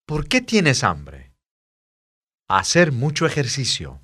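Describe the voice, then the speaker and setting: A man reads short model phrases for a language lesson, slow and carefully enunciated. His voice swings widely in pitch, with very lively intonation on each phrase. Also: husky. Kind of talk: scripted lesson drills.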